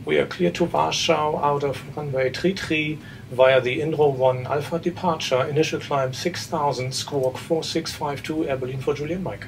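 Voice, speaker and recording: A man's voice: a little high, steady tone, moderate pace, gravelly, low-quality recording. A man as an airline pilot on a headset, reading back air traffic control calls in clipped, formal radio phraseology. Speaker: flight sim pilot. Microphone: headset mic.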